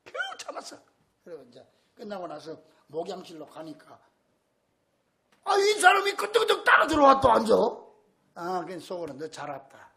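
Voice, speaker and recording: A male pastor preaching a sermon in a church, telling stories with animation and bursts of shouting. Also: high-pitched, wildly swooping pitch, moderate pace, vocal fry, long pauses, a crowd in the background. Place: church sanctuary.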